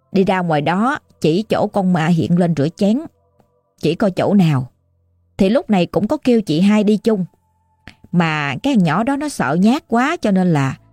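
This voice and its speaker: A woman's voice: fairly low pitch, warm tone, dry recording. A woman with a Southern Vietnamese accent telling a ghost story in a chatty, casual way, often speaking straight to her listeners. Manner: chatty, addresses listeners directly.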